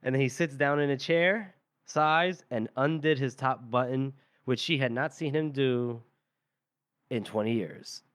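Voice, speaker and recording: A man's voice: mid-range voice, unhurried, a bit bright. Chatty man recapping a book. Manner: rambling recap with fillers and chuckles. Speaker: podcast co-host. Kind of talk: casual book discussion.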